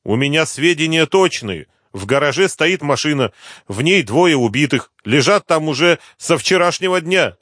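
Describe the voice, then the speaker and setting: A man's voice: lively intonation, moderate pace, fairly bright tone, no echo, studio quality. A man putting on a whiny, frightened junkie. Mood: insistent pleading. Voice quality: high, pleading, whining. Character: frightened whiny male drug addict informant.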